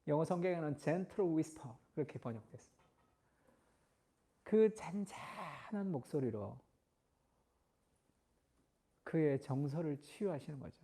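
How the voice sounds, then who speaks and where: Mellow-voiced male pastor preaching. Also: on the high side, expressive, measured pace, long pauses. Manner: storytelling, acting out quoted lines with shifting loudness. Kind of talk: sermon.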